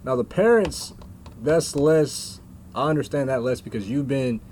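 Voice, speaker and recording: A young man in casual conversation, making his points in a measured, thoughtful way. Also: mid-range voice, expressive, darkish tone, a little hiss or hum. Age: young adult. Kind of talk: casual chat.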